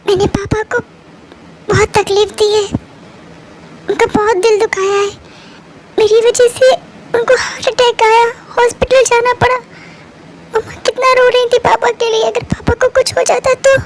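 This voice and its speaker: A guilt-ridden young daughter, pleading and close to tears, as a woman voices her. The voice is very high. It is a fan-made audio drama dub. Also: little pitch movement, normal speed, long pauses, noisy background. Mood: despairing. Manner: tearful, pleading.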